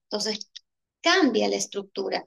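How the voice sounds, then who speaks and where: A woman's voice: mid-range voice, expressive, unhurried, gravelly, a bit bright. A woman teacher walking through exam answers, explaining step by step and asking rhetorical questions, with a Peruvian Spanish accent. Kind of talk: exam solution lesson.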